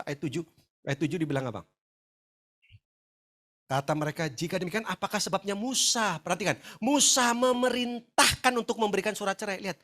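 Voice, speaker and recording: Animated high-voiced pastor. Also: male voice. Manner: animated storytelling, acts out quoted voices, shouts and laughs. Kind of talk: lively conversational sermon.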